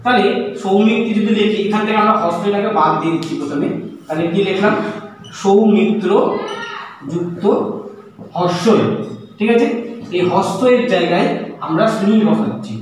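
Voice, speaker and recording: A man's voice: high-pitched, moderate pace, pauses often. A man teaching a grammar lesson. He goes patiently step by step, repeating each step and asking and answering his own questions. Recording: echoey room, far from the mic, faint hum.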